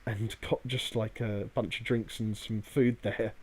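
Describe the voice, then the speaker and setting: A man's voice: fairly low pitch, little pitch movement, unhurried. A man chatting casually as a podcast co-host, in a hesitant, rambling way full of filler phrases. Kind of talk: casual chat about a day out.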